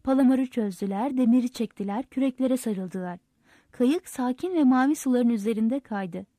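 A woman narrating a novel aloud in a steady, measured storytelling manner. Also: fairly high pitch, no echo. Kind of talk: audiobook narration.

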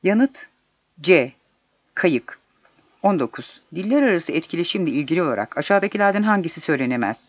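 A man reading quiz questions and their solutions aloud in a measured, deliberate way. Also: fairly high pitch, sing-song, no echo. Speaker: exam prep narrator. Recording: dull lo-fi dry recording.

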